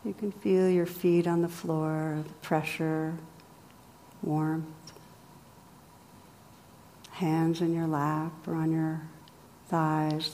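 A woman leading a guided meditation, speaking softly and gently with long pauses between phrases. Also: low voice, in a large hall, slight background noise. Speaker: meditation teacher.

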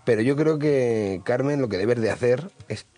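A male radio host chats casually in a studio, rambling and hesitating as he goes. His voice sits in a middle register with a husky edge. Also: medium pitch, moderate pace, mellow. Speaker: radio travel show host.

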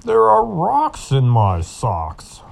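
A man's voice: a little high, wildly swooping pitch, very slow, vocal fry, a little hiss or hum, voice pushed up, heavily acted. A man voicing a grumpy, plodding male ox in a rhyming storybook, grumbling and drawn out.

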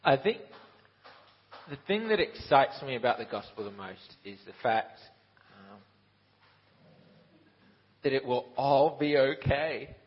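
A man's voice: mid-range voice, animated, slow pace, long pauses, slightly rough, lo-fi sound. A man in his twenties who grew up in Ukraine, a Bible college student who laughs at himself and restarts often while answering questions and then preaching on a church stage. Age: 20s. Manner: self-deprecating and laughing, with many restarts. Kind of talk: interview then sermon.

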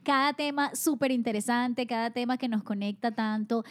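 High-voiced bubbly woman podcast host. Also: moderate pace. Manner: bubbly, sighing and laughing, chatty. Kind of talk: casual chat.

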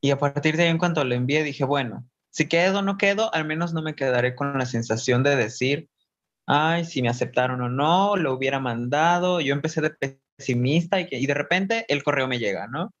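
A man's voice: on the high side, a little fast, fairly bright tone, lo-fi sound. A man, acting out his own past thoughts. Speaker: interview guest, burlesque performer and dance teacher. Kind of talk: casual storytelling interview.

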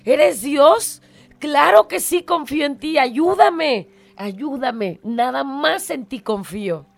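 A woman's voice: on the high side, expressive, slow, creaky, no echo, full character voice. A woman voicing a desperate male climber hanging from a rope, crying out and pleading.

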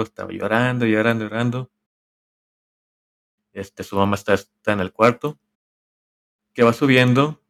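A man with a Mexican accent tells a story to his friends in a podcast chat. His voice sits a little low. He rambles and stops to find his words, and he drops slang and swearing along the way. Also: gravelly, a bit bright. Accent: Mexican Spanish. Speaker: podcast co-host. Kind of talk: casual storytelling among friends.

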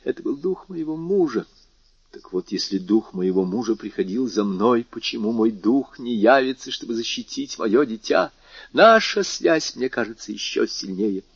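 A man's voice: medium pitch, animated, normal speed, creaky, slightly rough, no room sound. A man voicing a feverish, proud old woman who speaks urgently and pleads in a raised voice. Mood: haunted. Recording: dull dry lo-fi audiobook.

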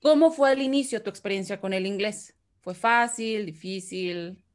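A woman's voice: medium pitch, moderate pace. A woman with a Mexican Spanish accent, talking casually as a guest and explaining with questions to her listener. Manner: chatty, explains with questions and restarts. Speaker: guest speaker. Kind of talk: explanatory conversational talk.

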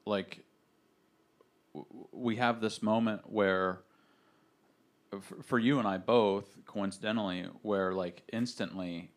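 Low-voiced man, hesitant and reflective. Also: steady tone, slow pace, long pauses. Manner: hesitant, many fillers and restarts, reflective. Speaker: podcast co-host. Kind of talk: casual faith podcast chat.

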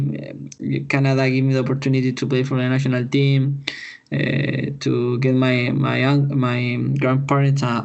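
A Chilean man with a Spanish accent, a footballer answering podcast interview questions in English, halting and repeating words as he searches for them. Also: medium pitch, vocal fry, a little mellow, muffled recording. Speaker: footballer guest.

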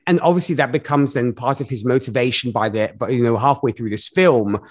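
A man co-hosting a casual movie review podcast, talking in a rambling, animated way with many fillers and laughs. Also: medium pitch, fairly quick. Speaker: podcast co-host.

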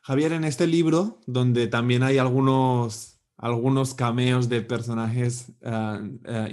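Male host, hesitant delivery with fillers, average pitch. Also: darkish tone. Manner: hesitant, many repeated words and fillers. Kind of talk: interview.

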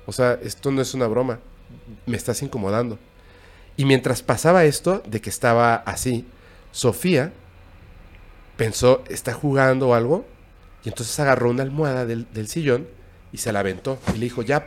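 Un hombre con acento mexicano narra con calma una historia de terror en una charla informal, con pausas y tono bajo. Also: male voice, mid-range voice. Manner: recounting a scary story, hushed and halting. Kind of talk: casual storytelling.

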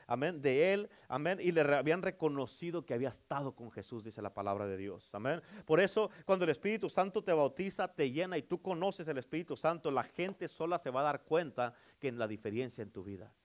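Guy preaching a sermon, pretty high voice, keeps saying amen, goes loud then real quiet. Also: expressive, brisk, few pauses. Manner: preaching with repeated amens, swinging from loud to hushed. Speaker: pastor.

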